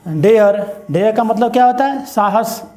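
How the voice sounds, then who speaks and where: High-voiced Indian man teaching English words. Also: animated, dark tone, echoey room, soft background music. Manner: repeats words slowly and drawn out, asks "what is it?". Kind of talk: spoken pronunciation lesson.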